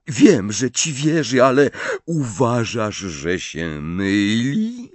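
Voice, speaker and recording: Male reader as sardonic wizard, unhurried, measured, icy; audiobook. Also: mid-range voice, no room sound, pitched above the performer's own voice. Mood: cold measured. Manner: calm, bored, measured. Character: cold sardonic male wizard, middle-aged, controlled.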